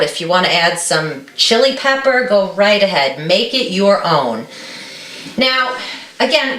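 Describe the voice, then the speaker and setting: A woman's voice: medium pitch, fairly bright tone, roomy sound, recorded from a distance, slight background noise. A woman co-hosting a show, chatting casually and encouragingly as she demonstrates a recipe in a home kitchen, often checking in with "okay?". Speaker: co-host.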